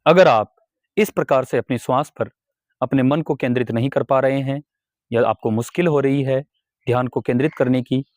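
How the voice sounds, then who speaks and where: A man leading a guided breathing meditation as yoga instructor, speaking slowly and calmly with step-by-step instructions. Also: medium pitch, no echo. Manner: slow, calm, instructive.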